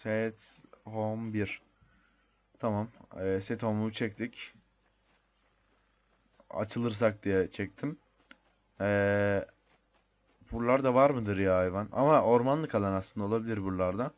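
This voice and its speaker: Low-voiced young man thinking aloud while gaming. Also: unhurried, long pauses. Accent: Turkish. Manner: chatty, thinks aloud, mutters and swears mildly. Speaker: gamer. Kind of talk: casual gameplay commentary.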